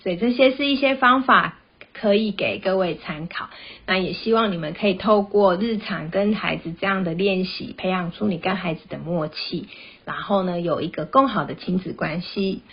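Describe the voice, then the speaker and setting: A mother hosts a parenting podcast, chatting gently and sharing stories about her kids. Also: lowish voice, moderate pace, slightly rough. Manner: gentle, chatty, tells personal anecdotes. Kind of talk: casual podcast monologue. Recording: dull, slightly lo-fi sound.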